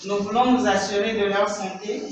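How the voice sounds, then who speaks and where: Male interpreter, high-pitched voice, formal relayed phrases, noisy reverberant recording. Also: little pitch movement, moderate pace. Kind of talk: consecutive interpreting of a speech. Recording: echoey, distant, noisy hall recording.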